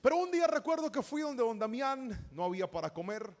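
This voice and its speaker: A pastor preaching to his congregation, his voice pitched high. He tells his stories with emphasis and calls on the listeners to answer him back. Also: sing-song, a little fast. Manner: storytelling preacher, emphatic with call-and-response. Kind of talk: sermon.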